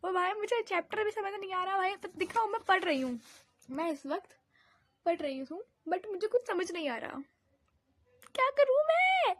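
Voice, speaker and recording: A teenage girl student ranting in a casual vlog, dramatic and exasperated, repeating herself as she complains. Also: very high voice. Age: teens. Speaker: student vlogger. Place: at home while studying. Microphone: phone camera.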